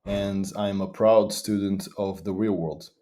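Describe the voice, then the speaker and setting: A man's voice: on the low side, fairly even intonation, warm tone. A young man from Madeira, Portugal, answering interview questions eagerly with frequent restarts. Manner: eager, talks fast with restarts. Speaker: guest.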